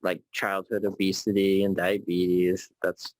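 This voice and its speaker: A man's voice: low voice, flat delivery, a little slow, no echo. A man on a school board asking questions, hesitant with frequent ums. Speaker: board member. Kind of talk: meeting discussion.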